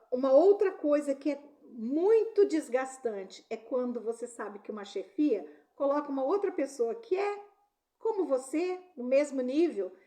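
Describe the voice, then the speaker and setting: A woman's voice: high voice, dark tone. A middle-aged woman with a Brazilian Portuguese accent, giving an earnest talk on workplace harassment and sharing personal stories, often ending sentences with a questioning "né?".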